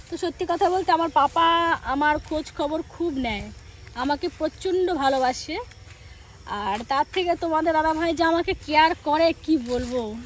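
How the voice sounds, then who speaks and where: A woman's voice: high voice, a little hiss or hum. A woman, a sore throat and a cough, chatting casually to her viewers as she walks home outdoors in a village. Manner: chatty, speaks straight to viewers and acts out family dialogue. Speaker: village lifestyle vlogger. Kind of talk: casual chat to viewers while walking.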